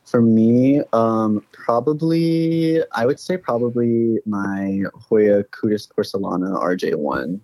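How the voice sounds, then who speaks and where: A man's voice: on the low side, slow pace, few pauses, warm tone, no echo, low-quality recording. Man chatting casually, dry close sound. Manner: fills talk with "like" and "um". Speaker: guest plant collector. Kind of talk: casual podcast chat.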